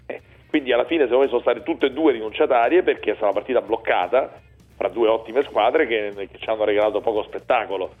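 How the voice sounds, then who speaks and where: A man's voice: medium pitch, fast talker, breathy edge, phone-quality sound, soft background music. A man co-hosting a sports radio show, arguing his point about football in a conversational way. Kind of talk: fast argumentative football discussion.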